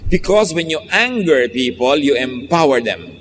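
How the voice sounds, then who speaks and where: A Filipino-accented pastor delivers a sermon, mostly slow and measured, then jumps into animated imitations of people arguing. His medium-pitched voice rings in a big hall with a long echo. Faint street noise sits underneath. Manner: switches between calm, slow teaching and sudden lively mock-quotes.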